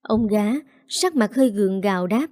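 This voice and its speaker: A woman narrating a dramatic story in a steady storytelling voice. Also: medium pitch, normal speed, no room sound, clean studio sound.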